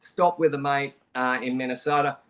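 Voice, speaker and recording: He sounds fairly bright in a mid-range voice, keeping his intonation fairly even and his speed normal. The speaker, a middle-aged Australian podcast guest, tells his own story frankly, chatting plainly and often beginning sentences again.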